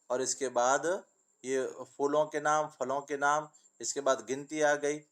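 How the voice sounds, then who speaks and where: A man's voice: a little high, little pitch movement, fairly bright tone. Patient man teaching children letters. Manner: patient, sing-song listing of words; addresses pupils as beta, asks and answers own questions. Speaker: Urdu teacher. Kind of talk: children's reading lesson.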